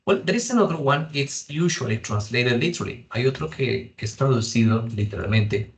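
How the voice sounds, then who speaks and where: A man's voice: mid-range voice, expressive, normal speed. A man teaching an online English class, saying each point in English and then in Spanish.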